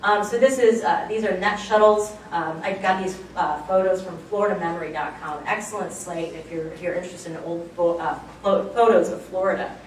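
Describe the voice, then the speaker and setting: A woman's voice: fairly low pitch, brisk, hardly any pauses. Enthusiastic woman lecturer, casual with fillers, recorded from afar in a roomy hall with faint noise. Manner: chatty and enthusiastic, many fillers. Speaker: archaeology lecturer. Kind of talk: public slide lecture. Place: lecture room, recorded from far off. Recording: very echoey room, distant mic, faint background noise.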